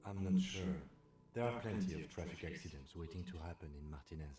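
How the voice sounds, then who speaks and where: Calm, dry police lieutenant, voiced by a man. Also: low-pitched, heavy reverb, natural voice. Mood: reserved. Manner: measured and dry.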